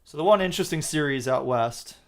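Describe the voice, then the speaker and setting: A man's voice: on the high side, expressive, brisk. A man co-hosting a casual sports podcast, dropping wry joking asides. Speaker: podcast co-host.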